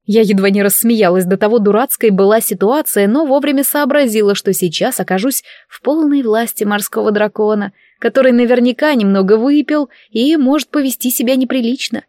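Lady reading a fantasy audiobook, higher voice, dry close mic. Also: a little fast, hardly any pauses, darkish tone, no echo. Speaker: audiobook reader. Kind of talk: scripted narration.

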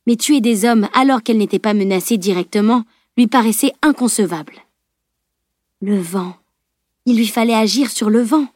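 A woman narrating a fantasy novel as an audiobook in a steady, clear reading voice. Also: medium pitch, dry recording, studio quality. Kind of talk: scripted narration.

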